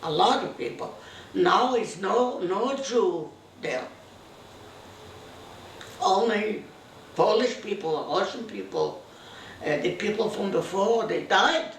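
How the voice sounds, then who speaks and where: A woman, reminiscing in halting, broken English in an interview at home. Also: mid-range voice, expressive. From Eastern Europe (now Belarus). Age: 90s. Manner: halting, repetitive, broken English, quotes her husband's words. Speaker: interviewee, grandmother recalling her life. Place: home room in Montreal. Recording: roomy, distant camera mic, faint noise.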